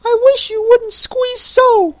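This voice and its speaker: Dormouse: a squeaky, huffy little dormouse. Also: male voice, little pitch movement, takes it slowly, dry recording. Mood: complaining. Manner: squeaky, indignant. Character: tiny sleepy sulky male dormouse.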